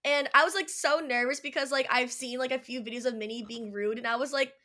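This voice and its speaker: This is a young woman chatting casually on a podcast, bubbly and quick to fill gaps with "like". Her voice is bright and sits a bit high. She sounds lively and eager. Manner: bubbly, many fillers like "like". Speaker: podcast guest. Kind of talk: casual chat.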